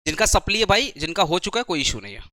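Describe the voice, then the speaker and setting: Brisk high-voiced male commerce tutor. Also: very animated, bright, forceful tone, dry recording. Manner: brisk, urges students to write fast, repeats terms. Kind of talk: classroom lecture. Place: coaching classroom.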